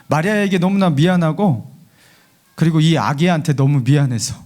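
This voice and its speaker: High-voiced, animated Korean pastor. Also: male voice. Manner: animated storytelling with rhetorical questions. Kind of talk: sermon.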